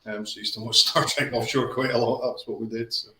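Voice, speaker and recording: Speaking quickly in a mid-range, pushed and bright voice with little pitch movement, this Scotsman from Aberdeen, in his fifties, rambles as a live-stream guest with frequent fillers and restarts. He is on a video call from a home office, and the low-quality audio is roomy.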